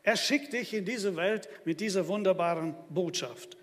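Male preacher, high-pitched and emphatic, sermon in a reverberant church hall. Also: moderate pace. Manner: lively, emphatic preaching to the congregation.

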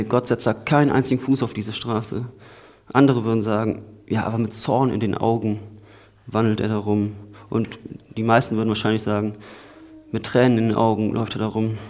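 A man from the Cologne area, giving an informal sermon in a conversational way, moving between lively storytelling and quiet earnestness. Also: mid-range voice. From Cologne area, Germany. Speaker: preacher.

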